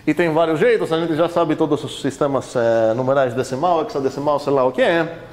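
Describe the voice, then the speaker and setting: A man's voice: a little high, brisk. A man lecturing a university class in a conversational way, questioning the students often, with many fillers.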